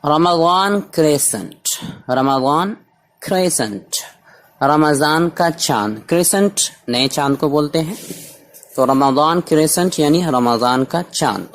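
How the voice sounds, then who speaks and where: A man's voice: a little high, animated, takes it slowly. A man teaching a basic English lesson, repeating each word patiently for learners.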